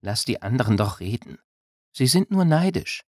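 A man's voice: medium pitch, very animated, normal speed, darkish tone, no echo, clean studio sound. A male narrator voicing a bold, playful young village woman in an audiobook. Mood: teasing. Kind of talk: audiobook character reading.

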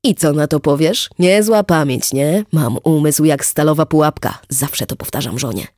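A man's voice: fairly high pitch, normal speed, darkish tone, no echo, clean studio sound, close to an everyday voice. A reader voicing a chatty, boastful middle-aged neighbor man who keeps tagging questions onto his sentences in an audiobook. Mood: boisterous. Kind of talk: audiobook character voice.

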